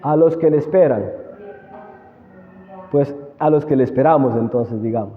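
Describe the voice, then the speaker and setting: A man preaching a sermon, reading scripture slowly and asking the congregation questions. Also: medium pitch. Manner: asks the congregation questions, slow emphatic reading. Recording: echoey hall, tinny phone-like sound.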